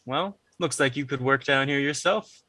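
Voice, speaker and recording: A man voicing a grizzled old prospector elf, gruff and guarded, in a tabletop role-play. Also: mid-range voice, normal speed, bright, forceful tone, no echo. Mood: wary, gruff.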